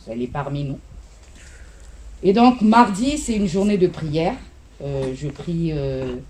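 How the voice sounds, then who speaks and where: A woman giving an emotional spoken testimony at a memorial gathering, halting and searching for her words. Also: low voice, dark tone, a little hiss or hum. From Central Africa.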